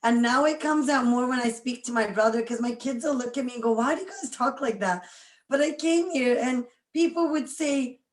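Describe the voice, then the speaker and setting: A woman's voice: high voice, fairly quick, hardly any pauses, reverberant. A woman around forty from Scotland, a guest chatting with lots of energy and frequent laughs. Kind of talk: casual interview chat.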